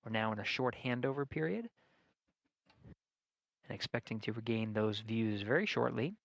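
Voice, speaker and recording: Measured male mission commentator, dry sound. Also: mid-range voice, expressive, gravelly, no room sound, highs cut off. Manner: measured, formal, explanatory. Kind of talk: live broadcast commentary.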